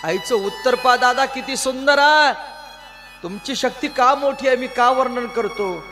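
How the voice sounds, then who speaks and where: A man's voice: very high voice, unhurried, pushed and bright, faint music behind. A man preaching an impassioned, rhetorical devotional sermon, addressing listeners as brothers, over live instrumental accompaniment. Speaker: kirtan preacher.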